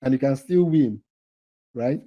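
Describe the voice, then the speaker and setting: A man's voice: medium pitch, measured pace, highs cut off. A man hosting a live online quiz for a training cohort over a video call, teasing the players and laughing often.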